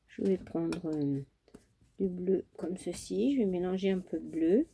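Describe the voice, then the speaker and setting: A woman's voice: on the low side, unhurried, vocal fry, mellow, a little hiss or hum. A woman chatting casually through a crafting tutorial at her home craft table, homely and talkative, with many fillers. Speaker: craft vlogger.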